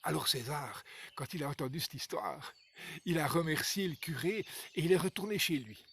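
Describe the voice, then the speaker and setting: A male storyteller tells a traditional tale aloud, lively and unscripted. He hesitates and repeats himself as he goes. His voice is fairly high for a man. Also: normal speed, slightly rough. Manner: lively, hesitant, with fillers and repetitions. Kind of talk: oral folk storytelling.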